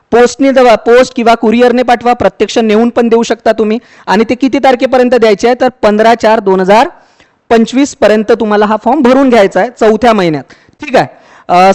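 This man's voice is high yet somewhat dark in tone as he explains a form, working as an education YouTuber covering a scheme for students. His delivery is casual, full of fillers, restarts, and repeated "ठीक आहे."

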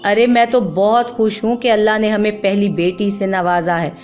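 A woman voicing a calm, loving young husband who speaks tenderly and reassuringly, over faint music. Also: mid-range voice, moderate pace, lightly acted.

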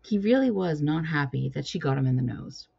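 A woman reading her own cat storybook aloud with expressive storytelling. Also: deep voice, fairly quick, vocal fry, breathy edge. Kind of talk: storybook narration. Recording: dull lo-fi recording.

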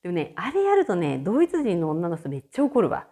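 A woman talks alone into the mic in an easygoing, chatty way, laughing often. Her voice sits a little low but moves widely in pitch, jumping high for emphasis and dropping back down. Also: quick pace, slightly rough. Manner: chatty, frequent laughter, animated shifts in tone. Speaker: podcast host. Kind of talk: casual solo audio chat.

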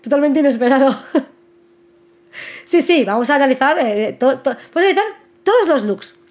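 Chatty, excitable woman on a live stream. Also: sits high, normal speed. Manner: chatty and excitable, with many restarts and repeated words. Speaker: host of a live book news stream. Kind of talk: casual live-stream chat.

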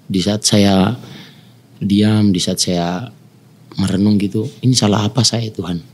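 Earnest husky-voiced man telling his story. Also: fairly even intonation, measured pace. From Samarinda, East Kalimantan, Indonesia. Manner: earnest, often drops to a soft low voice when moved. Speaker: professional footballer guest. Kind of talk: emotional storytelling in a casual interview.

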